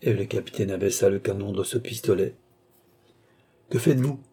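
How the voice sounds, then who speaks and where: A man reading a classic adventure novel aloud in a measured, steady narration. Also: on the low side, gravelly, husky. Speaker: audiobook narrator.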